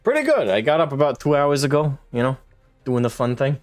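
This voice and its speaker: A young male game streamer in his twenties chats casually on a live stream, reading chat, rambling, putting himself down and laughing often. His mid-range voice is sing-song and brisk, with no room sound.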